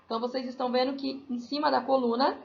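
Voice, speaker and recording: Brazilian woman teacher, high and gravelly, patient step-by-step class explanation, slightly dull lo-fi recording. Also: steady tone, quick pace. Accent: Brazilian Portuguese. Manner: checks in with tag questions. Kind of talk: recorded class lesson for children.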